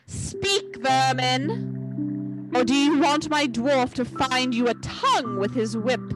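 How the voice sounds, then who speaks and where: A woman voicing a cruel, imperious witch queen in a storybook reading, slow and menacing. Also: medium pitch, animated, over music. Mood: furious.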